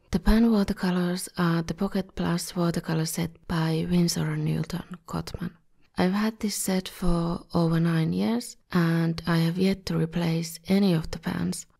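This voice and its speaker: The host of an art tutorial, a woman who's a bit ill, narrates from a script in a voice-over recording. Her fairly low voice is warm in tone yet gravelly and slightly scratchy.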